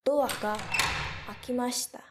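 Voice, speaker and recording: A young woman teacher telling a story slowly and carefully for learners, with clear, deliberate phrasing. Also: on the high side, fairly even intonation, noisy background. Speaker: language teacher.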